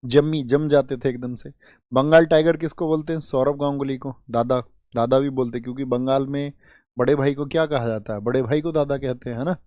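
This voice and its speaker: A young adult male teacher runs an online exam-prep class, quizzing students by asking questions and then answering them himself, sometimes scolding with exasperation. His medium-pitched, darkish voice is brisk and fairly even, recorded cleanly in a studio with no echo.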